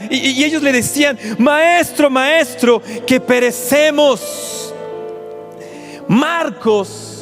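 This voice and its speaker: High-voiced Mexican man preaching. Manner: conversational preaching, acts out pleading quotes. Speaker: pastor. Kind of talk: sermon. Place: large auditorium. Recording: echoey auditorium with faint music.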